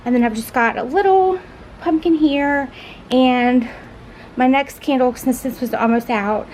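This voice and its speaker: A woman walks through her home, chatting in a slightly high, upbeat voice with plenty of ums. A faint household hiss sits under her talk. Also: measured pace, a little mellow, low-quality recording. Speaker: home decor vlogger. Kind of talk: casual house tour narration. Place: inside a home.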